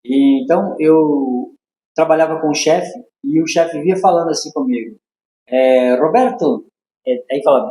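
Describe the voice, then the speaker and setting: A man with a Brazilian Portuguese accent telling a story as a podcast guest, acting out the dialogue with laughs. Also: mid-range voice. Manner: animated, acts out dialogue with laughs. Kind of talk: casual storytelling. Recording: echoey room.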